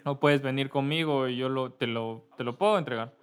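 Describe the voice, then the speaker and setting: A man from Kentucky, a pastor giving casual church announcements, halting and correcting himself often. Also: mid-range voice, clear, resonant tone. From Kentucky, USA. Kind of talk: church announcements before a service.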